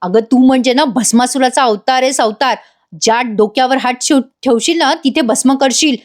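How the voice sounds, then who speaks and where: A woman's voice: high-pitched, normal speed, close to an everyday voice. A woman reading a scathing, bitter young woman. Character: bitter young woman whose home was ruined.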